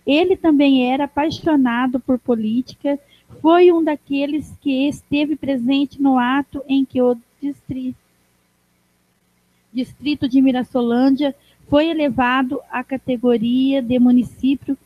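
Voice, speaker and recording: A woman's voice: fairly even intonation, no room sound. A woman with a Brazilian Portuguese accent reads a formal tribute aloud in a council chamber, stumbling and restarting words as she goes. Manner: halting, restarts words while reading. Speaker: council member giving a tribute. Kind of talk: slow formal reading of a tribute. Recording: dry, dull low-fi sound.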